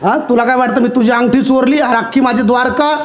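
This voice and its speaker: A man voicing a wise divine charioteer, calmly chiding and reassuring, in a devotional storytelling performance. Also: extremely high pitch, fast. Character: Lord Krishna, a calm, wise divine charioteer. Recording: live with instrumental music behind.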